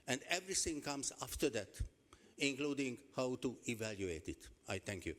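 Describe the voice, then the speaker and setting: A man's voice: mid-range voice, sing-song, normal speed, a bit bright. A man offering a comment from the audience at a conference. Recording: echoey hall with long reverb.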